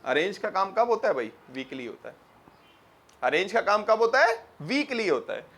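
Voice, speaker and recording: A male teacher delivers a grammar lecture, mixing Urdu and English. His voice sits high for a man, and he drives points home with rhetorical questions. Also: big pitch swings, moderate pace, fairly bright tone.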